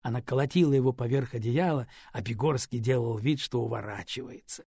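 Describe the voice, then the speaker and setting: A man narrating an audiobook in an expressive storyteller manner. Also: medium pitch, brisk, gravelly, husky, dry recording, clean studio sound. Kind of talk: scripted narration.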